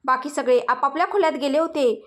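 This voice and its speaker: A woman reading a romantic story as narrator, steady and expressive. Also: sits high, quick pace.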